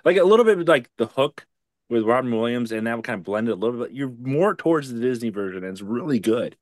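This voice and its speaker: A man's voice: medium pitch, animated, brisk, no room sound, studio quality. A man hosting a casual podcast interview, talking in a chatty, enthusiastic way. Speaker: podcast host.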